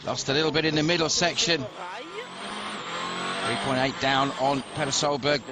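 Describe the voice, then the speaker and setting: A man's voice: fairly high pitch, fairly even intonation, normal speed. A man giving rally commentary as a motorsport commentator, explaining the driving in an admiring way. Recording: very loud engine noise behind voice. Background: roaring rally car onboard sound.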